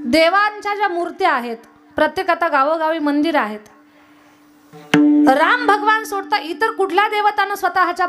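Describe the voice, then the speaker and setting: A woman's voice: very high-pitched, fairly bright tone. A woman preacher telling a story in a devotional sermon, speaking emphatically and straight to the audience. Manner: emphatic, addresses audience directly. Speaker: kirtan preacher. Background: tabla music.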